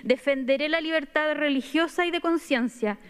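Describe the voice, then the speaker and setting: High-pitched Chilean woman at a podium. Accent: Chilean Spanish. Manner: firm, measured, reading from paper. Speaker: convention delegate. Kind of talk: formal speech read from notes. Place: large wood-paneled assembly hall. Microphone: podium microphone. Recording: reverberant assembly hall.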